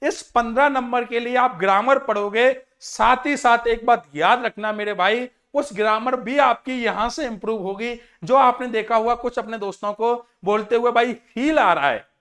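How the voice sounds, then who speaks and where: Young male coaching teacher, very high voice, chatty lecture style, keeps addressing the students as friends. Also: fairly even intonation, moderate pace, few pauses, fairly bright tone. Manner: chatty, repeatedly addressing listeners as friends and brothers. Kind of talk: lecture to exam aspirants.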